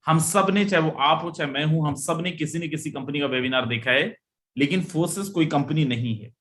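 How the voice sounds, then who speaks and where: Speaking a little fast with a fairly bright tone, a man runs a live online webinar. His sales pitch is emphatic and repetitive, and he raises his voice on each "my friend" to address the audience.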